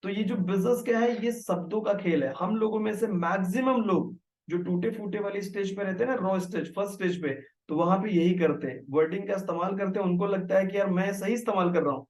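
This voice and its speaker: A man's voice: high voice, fairly even intonation, a little fast. A man giving a motivational training talk on sales calling, often checking in with "right" and explaining through examples. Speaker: network marketing trainer. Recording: echoey room, mic at a distance.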